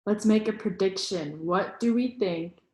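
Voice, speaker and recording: A woman with a mid-range, slightly mellow voice reads a children's picture book in a roomy setting with faint background noise. Like a teacher, she is instructive and pauses to ask her young listeners questions.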